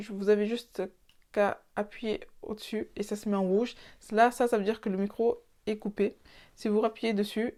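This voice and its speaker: Woman doing a chill gadget review at home, warm low-key voice, keeps restarting her sentences. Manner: hesitant, thinking aloud with many restarts. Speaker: tech reviewer. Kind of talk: casual product review.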